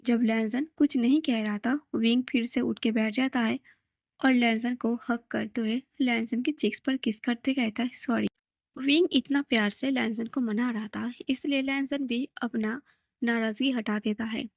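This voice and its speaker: A woman's voice: on the high side, fairly even intonation, normal speed, dry recording. Woman narrating a story, dry close sound. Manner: plain, conversational retelling.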